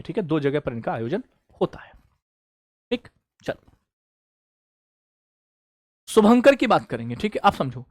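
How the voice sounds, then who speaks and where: His voice sits high, and the recording has no echo. He is an exam coaching teacher giving an online current affairs class built on repetitive question-and-answer drills, calling his students bhaiya and beta.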